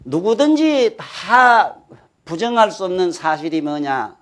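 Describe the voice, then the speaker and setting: High-voiced older Gyeongsang man lecturing. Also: very animated, slow, a bit bright. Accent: Gyeongsang Korean. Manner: folksy, keeps checking with listeners, asks rhetorical questions. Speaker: folk-culture lecturer. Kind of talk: lecture to an audience.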